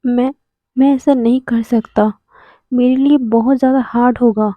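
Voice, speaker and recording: A tearful young man begs again and again, his words tumbling and repeating, as a woman reads him. The voice sits high and bright, close and dry, with a slightly dull sound. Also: steady tone, moderate pace, dry recording, lightly acted. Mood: pleading.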